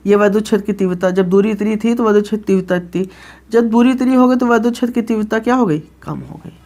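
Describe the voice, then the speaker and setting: High-voiced man teaching a physics class. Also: racing, a little mellow. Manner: repeats himself, asks the class questions and answers them; calls the students "children" and checks "okay?" often. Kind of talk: classroom lecture explaining graphs.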